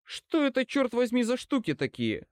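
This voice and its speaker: An angry young wizard, as the audiobook reader acts him out, shouting hoarsely, high and loud. The voice pushes up well above the reader's own pitch, recorded close and dry. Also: male voice, expressive, normal speed, no echo, natural voice. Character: young male wizard, hot-tempered, shouting. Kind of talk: audiobook reading.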